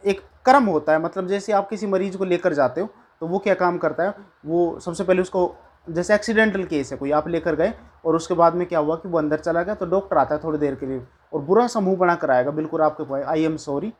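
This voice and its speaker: A man's voice: high-pitched, fairly quick. A man teaching a class, telling doctor and patient jokes in a chatty storytelling way before a lecture on disease. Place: classroom with a board.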